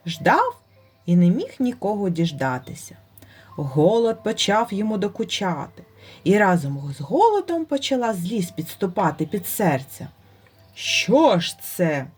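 A woman storyteller reading a folk tale for children in an expressive way. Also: mid-range voice, moderate pace, slightly rough, soft background music.

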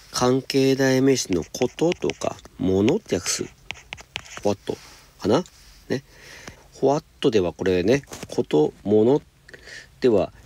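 A man teaching high school English, patiently explaining homework step by step and reading example sentences slowly. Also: vocal fry, darkish tone, slight background noise. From Japan.

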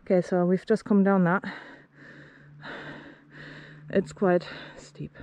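Excitable woman on a trail. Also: lowish voice, slow, no echo, muffled recording. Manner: excitable and nervous, frequent exclamations. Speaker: mountain biker filming her ride. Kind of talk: running commentary while riding. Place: outdoors on a forest bike trail. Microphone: helmet action camera. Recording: noisy outdoor action-camera audio.

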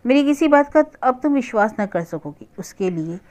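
A woman's voice: fairly high pitch, lively intonation, normal speed, a little mellow, pitched above the performer's own voice, natural voice. A woman voicing a remorseful young man who speaks in an earnest, pleading way while reading a novel aloud.

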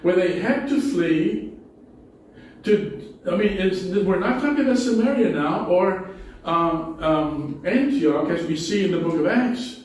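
In an animated, unhurried, high-pitched voice, a middle-aged pastor with a Spanish accent, from a Spanish-speaking country, preaches conversationally from the pulpit and keeps restarting his sentences. The small church hall has a low ceiling, and the pulpit mic and far camera capture it echoey and distant, with a little hiss or hum.

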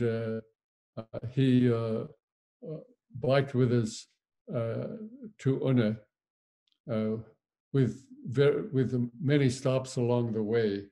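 Slow, halting older man. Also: medium pitch, warm tone. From Germany. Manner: halting, reflective, with many pauses. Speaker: Holocaust survivor speaker. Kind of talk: recounting memories in a lecture.

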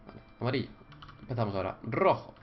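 Foul-mouthed young gamer, lively pitch. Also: male voice, quick pace, soft background music. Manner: swears a lot, yells and screams in frustration; mutters quietly to himself while solving puzzles. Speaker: gaming YouTuber. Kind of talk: Minecraft let's play commentary. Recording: dull lo-fi mic with faint noise.

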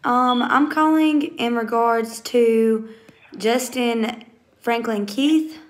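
In a small room at home, a family vlogger records herself on a phone at arm's length while making a prank call. She's a young adult woman with a Southern US accent, and her casual, polite phone talk and chat to camera come out a little high and slow.

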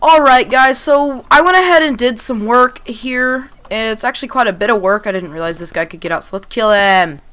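A young woman casually talking through her gameplay, relaxed and rambling with plenty of ums. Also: fairly high pitch, moderate pace, hardly any pauses. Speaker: gaming channel host. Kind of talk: casual let's-play commentary.

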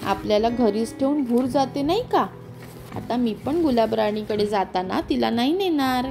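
Expressive woman storyteller. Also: fairly high pitch, normal speed, vocal fry, music in the background. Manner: expressive read-aloud storytelling. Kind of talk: children's story narration.

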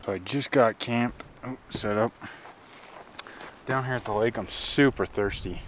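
A man's voice: medium pitch, unhurried, a bit bright, slight background noise. A man vlogging casually outdoors by a mountain lake, worn out from a hike, chatting loosely with lots of fillers. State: tired from hiking. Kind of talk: casual vlog narration. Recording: music playing under the voice.

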